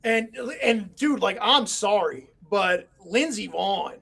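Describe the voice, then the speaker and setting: A man's voice: sits high, takes it slowly, vocal fry, breathy edge. A middle-aged man co-hosting a casual chat show, telling stories and acting out quotes in funny voices. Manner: animated storyteller, acts out quotes. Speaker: co-host.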